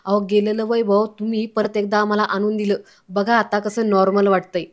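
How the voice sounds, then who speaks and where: A woman reading the lines of a gruff but affectionate elderly grandfather in a flat, even voice. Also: medium pitch, normal speed, natural voice.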